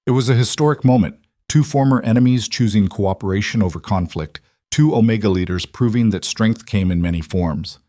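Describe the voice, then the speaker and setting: Brief: male audiobook narrator, low voice, steady storytelling, dry close sound. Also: fairly quick, few pauses, dry recording.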